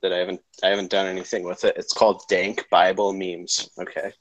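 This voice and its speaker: A man co-hosting a casual podcast chat, speaking in a rambling, halting way. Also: deep voice, level tone, dull audio. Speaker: podcast co-host.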